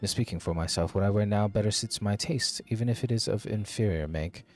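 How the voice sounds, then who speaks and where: A man voicing a courteous, gentle scholar from a fantasy game, formal and measured with archaic wording. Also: lowish voice, faint music behind, lightly acted. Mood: gentle, advising. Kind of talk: character voice reading game dialogue.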